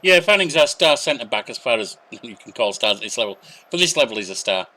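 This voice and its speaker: A young man with a bright, forceful voice chats his way through a football management game. He calls the passes and shots in quick clipped bursts, then muses aloud about his team and his substitutions. His pitch sits in the middle for a man. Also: sing-song. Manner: chatty, narrating match play in short bursts, thinking aloud. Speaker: gaming YouTuber. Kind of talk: casual let's-play commentary.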